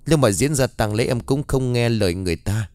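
A man's voice: mid-range voice, lively intonation, a little fast, a little mellow, no echo, close to an everyday voice. A man voicing a terrified weeping young mother. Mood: anxious, whispering. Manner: whimpering, begging. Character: frightened young mother, tearful and pleading.

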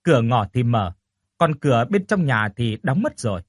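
A man's voice: mid-range voice, big pitch swings, normal speed, breathy edge, dry recording, studio quality. A man narrating a horror story expressively, rising on tense moments. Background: faint music.

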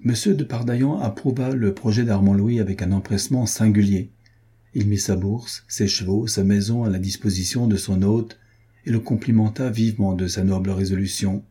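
A man narrates an old adventure novel as an audiobook. His reading is measured and literary. The voice is low, very dark and husky. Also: fairly even intonation. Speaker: audiobook reader. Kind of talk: scripted narration of a classic novel.

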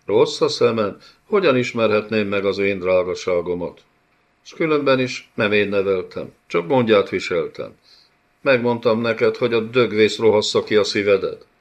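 A man's voice: fairly low pitch, lightly acted. A man doing a defiant old nomad woman. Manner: bitter, mocking defiance.

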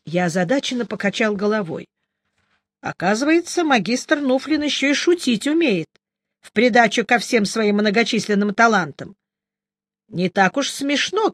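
An audiobook reader giving first-person scripted narration, in a lively, wry storytelling manner. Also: medium pitch, dry recording.

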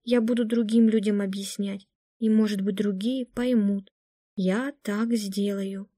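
A woman reading a flat, indifferent young woman. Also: mid-range voice, measured pace, no echo, clean studio sound, natural voice. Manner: flat, monotone and reluctant. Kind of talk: audiobook reading.

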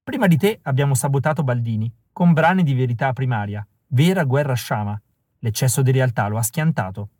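A man's voice: mid-range voice, animated, brisk, a little mellow, no room sound, close to an everyday voice. A man voicing a cold calculating rebel woman. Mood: cool briefing. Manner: cold, briefing tone. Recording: dry close recording.

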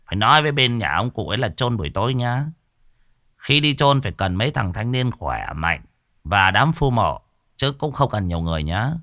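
A man doing a gruff old exorcist master. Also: on the low side, big pitch swings, a little fast, sharp tone, dry recording, studio quality, voice pushed up, exaggerated voice. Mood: instructing. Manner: gruff, commanding.

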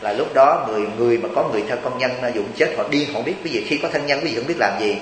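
A man's voice: medium pitch, very fast, roomy sound, long reverb tail, noisy background. A Buddhist monk from Vietnam gives a chatty, joking sermon, teasing his listeners and asking them rhetorical questions.

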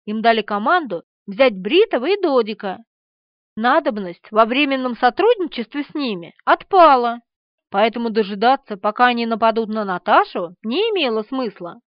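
A woman narrating an audiobook with expressive storytelling. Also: on the high side, dry recording. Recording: dull lo-fi audiobook recording.

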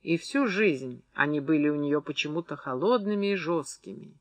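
Bright-voiced male audiobook narrator. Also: fairly high pitch, lively intonation, no echo. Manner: measured literary reading. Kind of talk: scripted narration.

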